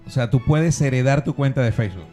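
A man's voice: medium pitch, lively intonation, quick pace, dark tone, soft background music. A man co-hosting a casual live-stream chat, teasing his partner with jokey banter. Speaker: co-host.

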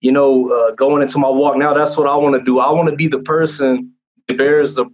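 In a casual chat, a young man gives his personal testimony at a brisk clip, his medium pitch staying level. The delivery is earnest and wandering, packed with fillers and restarts. The audio is dull and lo-fi, with a bit of hiss or hum.

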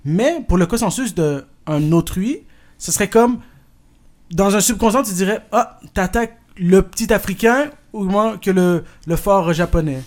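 A man's voice: high-pitched, expressive, unhurried. A man playing a pompous male producer with a put-on Japanese accent, lecturing in a mock-formal way and stumbling over his words in a comic podcast bit.

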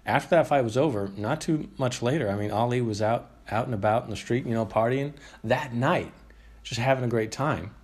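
A man's voice: medium pitch, brisk, slightly rough. A man hosting a podcast, sharing his research in a casual, thoughtful way. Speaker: podcast host. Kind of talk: casual chat.

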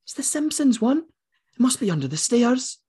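Flustered Scottish mother, played by a man, very high and insistent, anecdote dialogue. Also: very animated, moderate pace, dark tone, husky, exaggerated voice. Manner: insistent, high-voiced pleading. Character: flustered mum covering up a Christmas secret.

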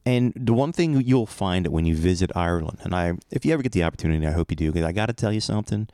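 A man's voice: sits low, animated, fast talker, dark tone, dry recording, studio quality. A man with an American accent hosting a podcast in a casual, earnest, reflective monologue. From United States. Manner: conversational, earnest. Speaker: podcast host.

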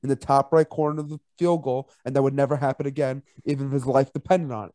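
On a casual college football betting podcast, a male co-host makes his picks fast, rowdy and laughing a lot, even chanting fight songs. His voice is mid-range, steady and mellow, captured in studio quality with no room sound.

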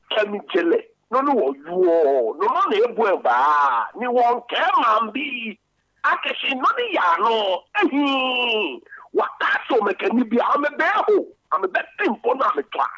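A man's voice: extremely high pitch, sing-song, moderate pace, bright, forceful tone, no room sound. Chanting man on a phone line. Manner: chanting, exclaiming, switching between languages. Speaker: pundit calling in.

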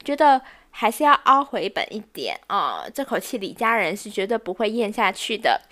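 A woman's voice: mid-range voice, very animated, moderate pace, sharp tone. A woman in her twenties with a Taiwanese Mandarin accent, hosting her own podcast and chatting through a funny story, laughing as she goes. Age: 20s. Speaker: podcast host. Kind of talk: casual storytelling monologue.

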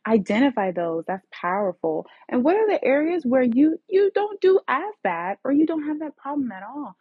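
A woman's voice: high-pitched, very animated, moderate pace, breathy edge, no echo, narrow, tinny audio. A woman therapist hosting a solo podcast, talking earnestly and coaching her listeners with many direct questions.

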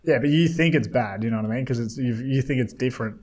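A man's voice: mid-range voice, fast, a little mellow. A man, a comedian guest on a casual podcast, blunt and joking. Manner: blunt, joking, mildly swearing.

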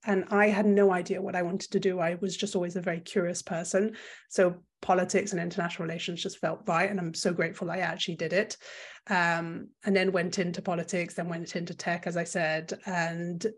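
On the low side, the voice belongs to a content creator whose native language is French. As a guest in a conversational interview she argues her views emphatically, and she keeps beginning her sentences again.

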